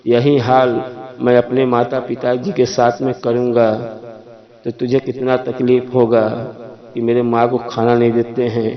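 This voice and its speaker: An upright son-in-law, stern and indignant, speaks in a slow, level voice that hardly rises or falls, as a male storyteller puts him on. The dull, lo-fi recording softens the edges of his words. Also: medium pitch, close to an everyday voice.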